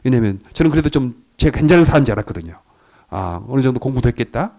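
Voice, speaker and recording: A middle-aged male pastor preaching a sermon in an earnest way, his voice rising to emphatic peaks and then dropping soft. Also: medium pitch, very animated, very fast.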